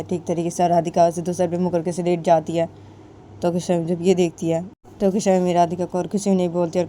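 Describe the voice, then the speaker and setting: A woman storyteller narrating in a loose, rambling way. She repeats herself and corrects herself as she goes. Her voice sits low for a woman, with a faint hiss under it. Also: mellow. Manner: rambling, repetitive, self-correcting. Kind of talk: improvised spoken story narration.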